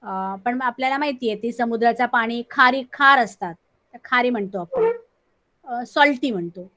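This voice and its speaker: Marathi-accented lady teacher, screen recording of an online class, a bit high voice, goes over terms again and again. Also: pushed and bright. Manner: explains slowly, repeating terms, clears throat often.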